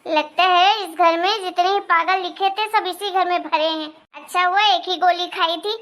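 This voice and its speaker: A woman's voice: very high-pitched, steady tone, moderate pace, fairly bright tone. A woman voicing an old, bossy mother-in-law in a cartoon, scolding her daughters-in-law in an exasperated way. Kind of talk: cartoon voice acting.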